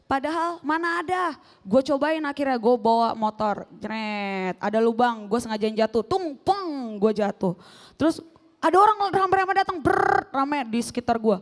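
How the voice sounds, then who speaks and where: A woman's voice: high voice, lively intonation, moderate pace, long reverb tail. A young woman doing a stand-up set on stage, in slangy casual talk, playful, acting out quoted voices. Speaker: stand-up comedian. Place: stage before a live audience.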